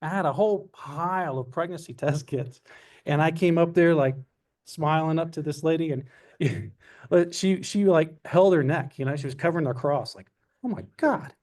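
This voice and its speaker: A man giving a lecture as guest speaker, telling anecdotes in an animated way with many fillers. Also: a little high, normal speed. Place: lecture room. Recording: distant from the mic.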